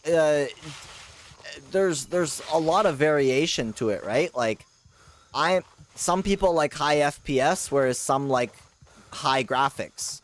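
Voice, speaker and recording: A man streaming a shooter game live, chatting casually and rambling with slang, with sudden loud outbursts of surprise. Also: on the high side, takes it slowly.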